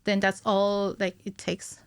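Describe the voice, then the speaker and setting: A woman of about thirty, an animator guesting on a podcast, explains things informally and giggles through casual interview chat, though her smooth, mid-range voice has a completely flat delivery at a measured pace. The dry recording comes from a close stand mic in a small indoor studio.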